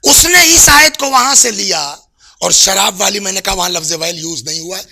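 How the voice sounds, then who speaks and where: A man delivers a mourning-assembly sermon in a piercingly bright, tense voice with a gravelly, husky grain. His pitch leaps widely as he shifts from loud, high exclamations to hushed, whispered passages. He keeps putting questions to his listeners. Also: animated. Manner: asks the audience questions. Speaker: religious scholar giving a mourning sermon.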